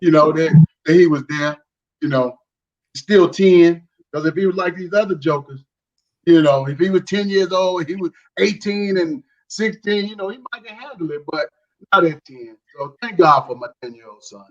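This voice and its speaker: A man's voice: fairly high pitch, normal speed. A man in his forties, a guest husband, talking loosely and chuckling in casual chat. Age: 40s. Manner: talkative, chuckling, loose and informal. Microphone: video call. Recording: distant muffled video-call mic.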